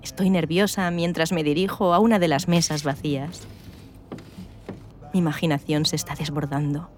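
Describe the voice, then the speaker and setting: Woman acting low-voiced smitten Castilian Spanish romantic heroine. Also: steady tone, normal speed, a little mellow, close to an everyday voice. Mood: excited, yearning. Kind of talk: first-person erotic audio drama narration. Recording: noticeable background noise.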